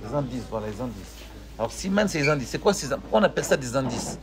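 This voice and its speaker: A man teaching a Torah class, animated, asking his students questions and joking with them. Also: medium pitch, fast talker, over a noisy crowd.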